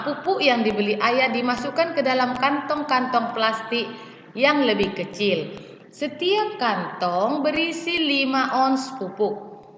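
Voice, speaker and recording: A woman teaching a primary school lesson, explaining patiently and slowly, calling her pupils "child". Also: a little high, fairly bright tone. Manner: slow, patient, addresses pupils as "Nak". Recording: echoey room, slightly dull, faint noise.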